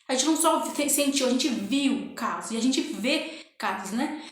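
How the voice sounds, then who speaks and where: A woman's voice: a little high, expressive, moderate pace. A woman telling her birth story casually and emotionally to viewers, repeating phrases and often calling out to them. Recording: very echoey room.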